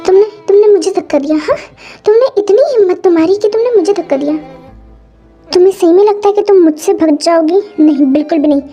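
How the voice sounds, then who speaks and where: A woman's voice: very high-pitched, quick pace, dark tone, faint music behind. A woman doing a jealous, possessive young husband. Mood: angry, possessive. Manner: stammering, pleading and commanding. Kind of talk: Hindi fan-fiction voice acting.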